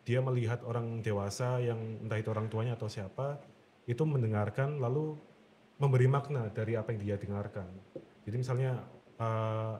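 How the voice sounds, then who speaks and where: A man, a guest voice actor, explaining calmly and patiently in a casual chat. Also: medium pitch, slight background noise. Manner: calm, explanatory.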